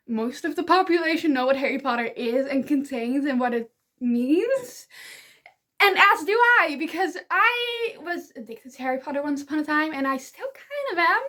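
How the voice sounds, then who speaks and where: High-pitched and expressive, with a fairly bright tone and normal speed, this young book vlogger, a native Dutch speaker, gushes about books she loves. Her casual review chat is rambling and giggly.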